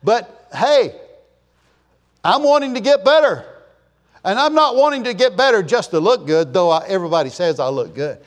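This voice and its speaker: With a high-sitting, expressive voice at a moderate pace, a man in his sixties preaches a folksy, meandering sermon. He tells stories, cracks jokes, and tosses chatty asides to his congregation.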